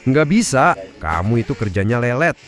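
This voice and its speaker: A man's voice: medium pitch, very animated, normal speed, soft background music, lightly acted. A man voicing a lecherous office boss who speaks curtly. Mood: stern. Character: lecherous male office boss, stern then flustered.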